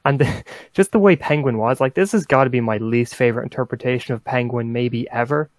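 A man's voice: medium pitch, brisk, no room sound. A young man co-hosting a casual rewatch podcast, hesitant with many ums and wry little laughs. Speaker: podcast co-host. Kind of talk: casual chat.

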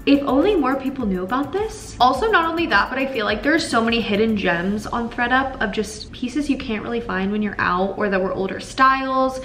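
A bubbly woman in her twenties, a vlogger, chats casually to a camera held at arm's length, saying "like" a lot. Her voice is a little high, expressive and fairly bright, and she talks briskly with hardly any pauses over faint music. She starts in her bright apartment and later films inside a car.

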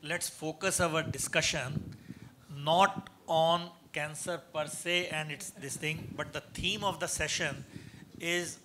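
A man with a bright, sharp, fairly high voice chairs the session. He is polite but firm as he redirects questions, with faint noise underneath. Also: steady tone, slow pace. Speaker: session moderator. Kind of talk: moderating a panel discussion.

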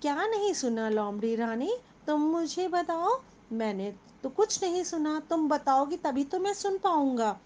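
A woman voicing a clever, calm male rooster who speaks politely in a children's story. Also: high-pitched, measured pace, a little hiss or hum. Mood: questioning.

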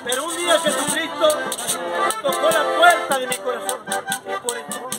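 A man's voice: extremely high pitch, normal speed. Earnest singing preacher man, accordion behind. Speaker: street singer and accordionist. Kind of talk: singing with spoken testimony. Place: busy city plaza outdoors. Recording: accordion music and crowd behind.

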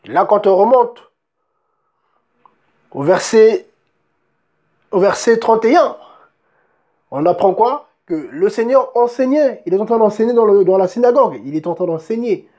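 A man's voice: high voice, animated, measured pace, long pauses, warm tone. A man preaching a sermon and reading Bible verses, emphatic, often asking his listeners if they see, and restarting words as he goes.

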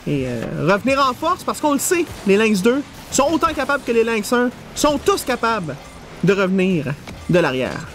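A man with a Quebec French accent and a strikingly high voice gives match analysis as a co-commentator. His phrasing is hesitant and pieced together. There is faint game noise in the background. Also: big pitch swings, moderate pace, fairly bright tone.

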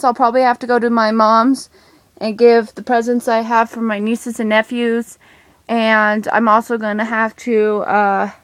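A young woman chatting excitedly in a casual home vlog, rambling with many ums and gushing asides. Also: on the high side, dry recording. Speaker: vlogger.

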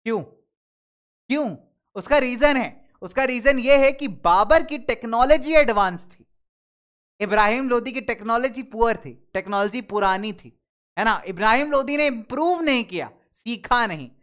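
Casting: male teacher for an online class, animated, tells everyday examples, checks in with students. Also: extremely high pitch, normal speed. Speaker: school teacher.

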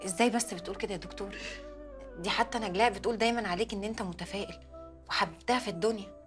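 A woman's voice: mid-range voice, very fast, faint music behind, natural voice. An actress playing a worried, soothing female friend in a TV drama, speaking Egyptian Arabic. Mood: coaxing. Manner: soothing, coaxing. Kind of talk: TV drama acting.

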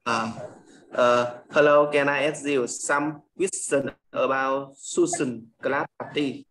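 A man's voice: mid-range voice, steady tone, slow pace, fairly bright tone, slight background noise. A young man practising an English dialogue, reading hesitantly with short replies.

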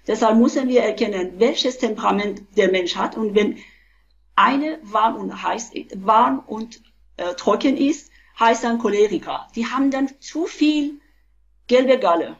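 A woman in her fifties from Iran, a physician, explaining on a video call in a halting way with many fillers and restarts. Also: a little high, creaky, lo-fi sound. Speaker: physician, interview guest. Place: small room at home. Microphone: webcam on a video call.

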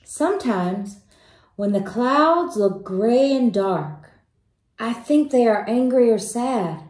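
A woman reading a children's picture book aloud in a slow, gentle way, stopping to ask young listeners questions. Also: a little high, expressive. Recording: roomy echo.

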